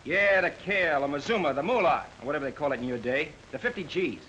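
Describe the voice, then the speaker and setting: An actor playing a menacing, wisecracking gangster boss in slangy 1940s screwball comedy banter, on an old film soundtrack. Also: male voice, a little high, animated, fast, sharp tone, muffled recording, slight background noise. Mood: threatening.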